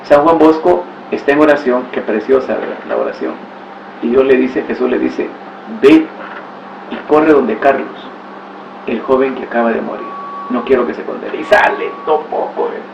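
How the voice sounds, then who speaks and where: A man's voice: medium pitch, moderate pace, vocal fry. A man giving a religious teaching talk, telling stories with exclamations and rhetorical asides. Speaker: catechist. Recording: roomy, distant, dull recording with faint hiss.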